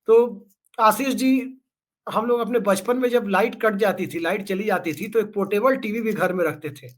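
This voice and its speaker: A man's voice: sits high, moderate pace. A man speaking as a guest in a political discussion, sarcastic and joking, with storytelling asides.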